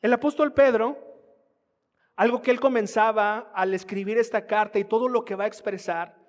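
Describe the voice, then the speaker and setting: Mexican man preaching, chatty teaching tone, high voice, echo of a church hall. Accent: Mexican Spanish. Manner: conversational teaching, addresses congregation as family. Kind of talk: sermon. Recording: long hall reverb.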